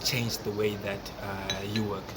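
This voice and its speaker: A man's voice: on the low side, flat delivery, a little slow. A man hosting a podcast, asking questions with many hesitant "uh" fillers. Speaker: podcast host. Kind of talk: casual interview. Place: coffee shop. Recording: loud coffee shop noise.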